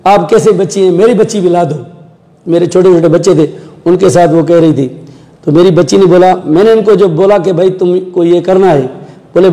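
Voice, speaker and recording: Guy with a high mellow voice telling what happened, acts out the quotes, echoey reverb. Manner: storytelling, acting out quoted dialogue. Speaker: interviewee. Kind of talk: recounting events in a news interview.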